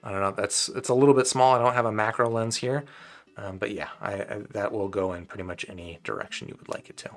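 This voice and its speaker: Speaking quickly in a lowish, steady voice, a live stream host responds to viewer questions about audio gear. He's casual and meandering, often backing up to restart, and his voice becomes tired and dry.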